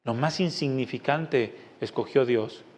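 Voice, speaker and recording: A man preaching a sermon as pastor. He preaches emphatically, with sudden loud rhetorical questions and quiet asides. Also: medium pitch, unhurried. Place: church meeting hall. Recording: long reverb from a church hall.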